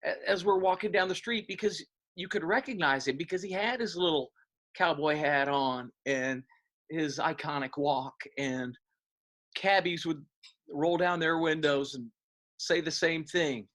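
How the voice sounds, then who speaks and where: A man, talking as an interview guest and reminiscing in a halting way, with many fillers and restarts. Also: fairly high pitch, a bit bright. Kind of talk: casual interview.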